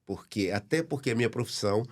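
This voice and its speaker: Um homem de meia-idade com voz grave fala de forma ponderada e reflexiva. Conversa tranquila de podcast. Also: male voice, fairly low pitch, lively intonation, fast talker. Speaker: podcast guest, father.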